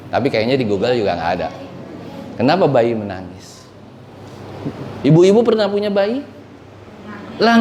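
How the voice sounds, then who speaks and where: A man's voice: mid-range voice, a little mellow, a little hiss or hum. A male pastor preaching a conversational sermon, quizzing the congregation and joking with them. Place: church. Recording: echoey church hall.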